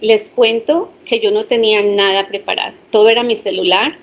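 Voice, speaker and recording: A woman's voice: medium pitch, steady tone, moderate pace. A woman, a hypnotherapist earnestly sharing her personal story with a small group.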